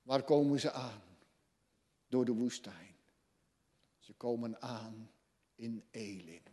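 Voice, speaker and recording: A man preaching a sermon. He swings from hushed words to loud cries. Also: medium pitch, slow pace. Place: church. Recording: long church reverb.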